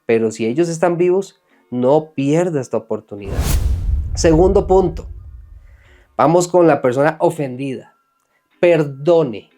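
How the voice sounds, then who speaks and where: A man preaching an earnest, animated sermon who acts out the voices of people he quotes. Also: on the high side, a little slow, pauses often, soft background music. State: sweating from emotion.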